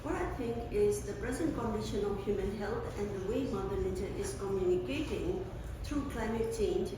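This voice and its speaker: A woman's voice: medium pitch, distant mic. A middle-aged woman from Nepal making an earnest, reflective comment from the floor of a panel event, asking rhetorical questions. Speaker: audience member asking a question. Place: large conference room. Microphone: desk microphone, recorded from far across the room. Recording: echoey hall recorded from afar, noisy.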